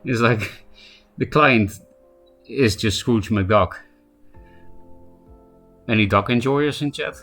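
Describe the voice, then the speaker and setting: Faint music sits behind a man with a Polish accent whose medium-pitched voice is a bit bright. He is live-streaming a card game, chatting casually, replying to viewers by name, and making quick asides.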